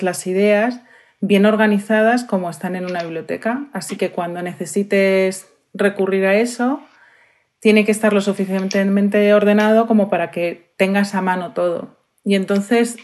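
A woman's voice: mid-range voice, a little mellow. A woman from Spain with a Madrid accent, a guest in an interview, talking casually and thinking aloud with many fillers. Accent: Madrid Spanish.

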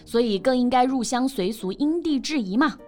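A woman co-hosting a bilingual English lesson, playful and quick to laugh as she gives examples. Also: sits high, faint music behind. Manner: lively, playful, laughs easily. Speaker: English teacher, co-host. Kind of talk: bilingual language lesson chat.

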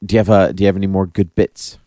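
A man's voice: sits low, flat delivery, fast, mellow, no room sound. A man hosting a casual, enthusiastic chat, repeating phrases for emphasis. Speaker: podcast host. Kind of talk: casual chat about comic-book TV.

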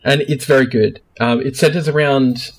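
A man's voice: mid-range voice, fairly even intonation, normal speed. A man co-hosting a casual podcast, enthusiastic and talkative, explaining at length and laughing often. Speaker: podcast co-host. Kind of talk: casual chat.

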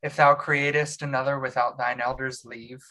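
Slow, solemn male reciter. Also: mid-range voice, level tone, sharp tone. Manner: slow and formal. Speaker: player. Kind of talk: solemn recitation in a tabletop game.

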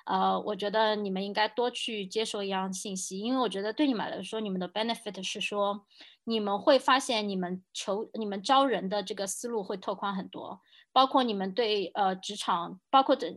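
A woman's voice: mid-range voice, a bit bright. A woman in her thirties, a game industry executive, speaking earnestly in a podcast conversation. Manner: earnest, emphatic storytelling.

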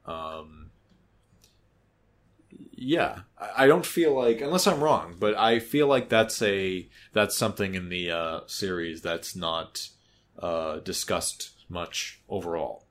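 Man, thirties, low voice, podcast host, animated casual talk, swears freely. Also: takes it slowly. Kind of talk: casual chat.

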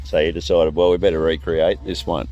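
A man's voice: sits low, level tone, a little fast, dark tone, highs cut off. An Australian man hosting casual interviews at a car show in a matey, sweary, blokey tradesman manner. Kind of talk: casual on-location chat.

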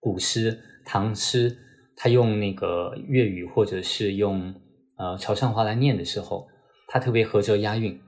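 Low-pitched Chaoshan man, podcast guest. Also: unhurried, darkish tone. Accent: Chaoshan (Teochew). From Chaoshan, southern China. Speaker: guest, novelist. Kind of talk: casual conversational interview.

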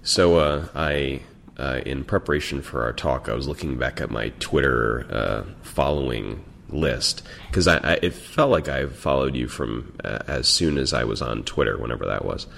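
A man's voice: rumbling low, normal speed, vocal fry, fairly bright tone. A man hosting a podcast, asking questions in a hesitant, chatty way, often restarting words and laughing. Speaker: podcast host. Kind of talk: casual interview chat.

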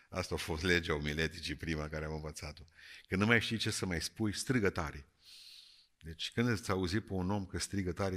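A man preaching a sermon, lively and joking, moving between loud calls and quiet words. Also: low voice. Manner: lively, jokey, swings between shouting and quiet.

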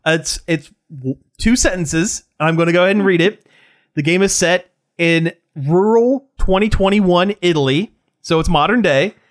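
A man's voice: high-pitched, moderate pace. Chatty man on a podcast. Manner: rambling, restarts, reads aloud. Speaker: podcast co-host. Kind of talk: casual chat.

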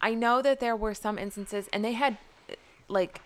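A woman's voice: fairly high pitch, normal speed. A woman on a podcast, talking casually and hesitantly, with many fillers and restarts. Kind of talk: casual chat.

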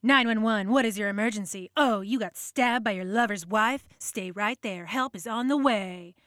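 A woman's voice: medium pitch, normal speed, fairly bright tone, no room sound, studio quality, close to an everyday voice. A woman playing a bored, flippant emergency call responder in an audio drama, casual and sarcastic. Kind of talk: naturalistic audio drama dialogue.

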